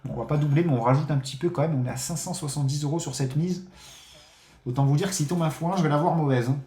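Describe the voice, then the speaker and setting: A man with a fairly high voice calls out his casino bets live, excitable and given to swearing. He talks straight to his viewers as his friends, and his voice rings a little in an echoey room. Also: fast. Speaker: casino streamer. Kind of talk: live gambling commentary.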